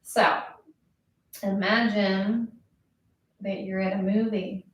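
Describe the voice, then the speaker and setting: A woman instructor leading a yoga class, talking calmly and slowly with a gently playful touch. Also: mid-range voice, a little hiss or hum. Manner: calm, slow, gently playful. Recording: very echoey room, voice from far off.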